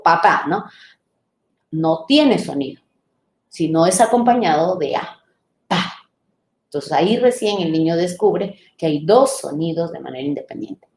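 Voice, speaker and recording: A woman teacher trainer giving a live online lecture, explaining patiently, sounding out syllables slowly and checking in with her listeners. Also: fairly low pitch, a little mellow, reverberant.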